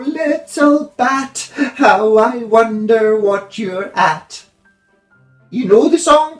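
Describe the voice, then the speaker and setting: A loud, high-pitched Mad Hatter. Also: male voice, roomy sound, exaggerated voice. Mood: aggrieved, theatrical. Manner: exclamatory, emphatic. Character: mad, loud, excitable Hatter at tea party.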